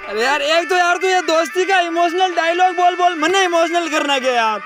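A man plays a bossy, bickering villager who keeps nagging his friend about money. His voice is pitched extremely high, and background music plays behind him. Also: moderate pace. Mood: exasperated.

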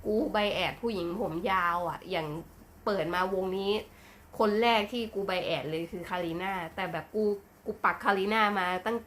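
Excited woman reacting with crude slang. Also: mid-range voice, moderate pace, a little hiss or hum. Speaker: reaction vlogger. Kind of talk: casual reaction commentary.

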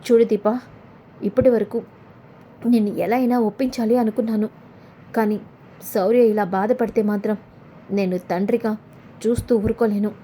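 A woman's voice: medium pitch, fairly even intonation, normal speed, pauses often, warm tone, slight background noise, lightly acted. Woman voicing a firm young husband and father.

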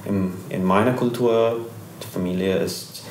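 Slow, hesitant man with a Persian accent. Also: sits low, fairly even intonation, darkish tone, echoey room, a little hiss or hum. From Iran. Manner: hesitant, searching for German words, many fillers. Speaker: guest. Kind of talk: interview.

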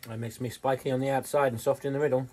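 A man hosting his own channel, chatting casually and telling stories with lively pitch jumps while eating. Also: fast talker. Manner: animated storyteller with sudden pitch jumps. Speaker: channel host.

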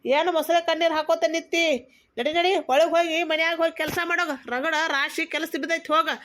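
A woman's voice: extremely high pitch, steady tone, quick pace. A woman with a Belagavi Kannada accent voicing a bossy, scolding middle-aged mother-in-law in a cartoon comedy. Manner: loud, nagging, ordering about.

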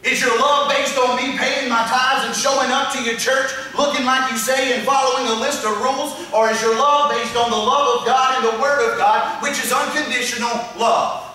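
With a very high, bright, forceful voice, a middle-aged pastor preaches at a moderate pace with hardly any pauses and fairly even intonation, building long, emphatic rhetorical lists of repeated phrases. He stands on a dark church stage with a projection screen, holding a handheld mic, and a far camera records the echoey hall from a distance.

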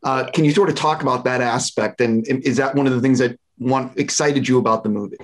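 A man in his forties, an entertainment interviewer, conducts a casual interview over a video call from a small room at home. He speaks at medium pitch and a quick pace.

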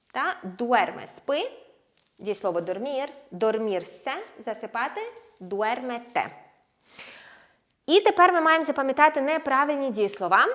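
A woman's voice: fairly high pitch, fairly bright tone. Patient woman teaching a language lesson. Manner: patient, explains step by step, slows down on example words. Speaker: Spanish teacher.

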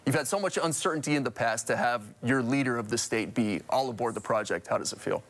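A man, interviewing guests as a morning news anchor in a TV studio. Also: mid-range voice. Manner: quick, conversational, with restarts.

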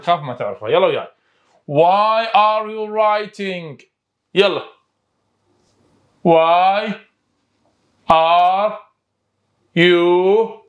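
A young man with an Iraqi Arabic accent teaches English in a bright, high voice. He coaxes his students along, breaking English phrases into slow, drawn-out words and asking them to repeat. The delivery is that of an energetic online lesson.

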